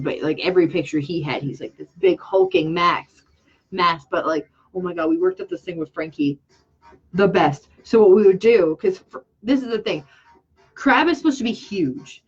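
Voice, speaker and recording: Excitable rambling woman, lo-fi. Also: fairly low pitch, breathy edge. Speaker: channel host and makeup artist. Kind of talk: casual livestream chat. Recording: dull lo-fi sound.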